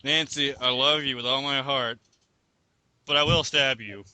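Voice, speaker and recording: Man, podcast host, very bright tense tone, dry close sound, casual chat. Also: mid-range voice, steady tone, measured pace, clear, resonant tone, no echo. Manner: joking, then poses discussion questions.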